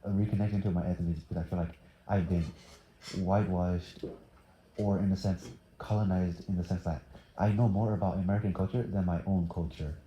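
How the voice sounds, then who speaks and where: A man's voice: sits low, fairly even intonation, fairly quick, warm tone, roomy sound, muffled recording, a little hiss or hum. A teenage boy from Thailand answering interview questions casually, hesitant with many fillers. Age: teens.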